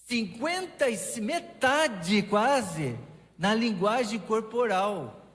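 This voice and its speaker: A man preaching a sermon in a Brazilian Portuguese accent, talking in a conversational way with restarts and lively asides. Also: sits high, slow. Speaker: pastor. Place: church sanctuary. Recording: long reverb of a church hall.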